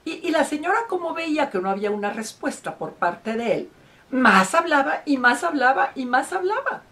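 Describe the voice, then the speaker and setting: A woman's voice: sits high, very animated, normal speed, pushed and bright. A woman, a couples therapist, giving advice in an emphatic way and repeating words for stress. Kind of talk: advice talk to camera.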